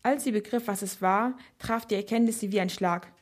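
A woman reading a storybook aloud in an expressive, lively way. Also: medium pitch, a little fast. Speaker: narrator.

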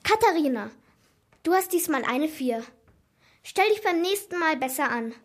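A woman's voice: sits high, expressive, normal speed. A woman voicing a stern male schoolteacher who lectures matter-of-factly in a storybook reading. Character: stern male schoolteacher handing back grades.

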